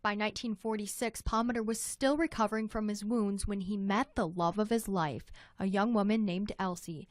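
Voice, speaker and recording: A woman's voice: mid-range voice, steady tone, normal speed, hardly any pauses, dry recording, studio quality. An American woman reading a scripted news story as a television reporter.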